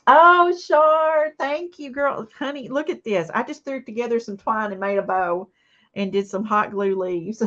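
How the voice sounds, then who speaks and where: A woman's voice: fairly high pitch, a little slow, lo-fi sound. A woman, teary and emotional, chatting with viewers and answering their comments during a craft live stream. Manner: warm, emotional, reads viewer comments aloud and answers them.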